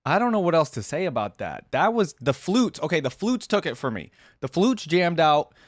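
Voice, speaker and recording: A video host gives casual, enthusiastic reaction commentary, talking straight to his viewers and calling them "guys." His voice is a little high and very animated, at a moderate pace. The studio sound is clean with no echo, and music plays behind him.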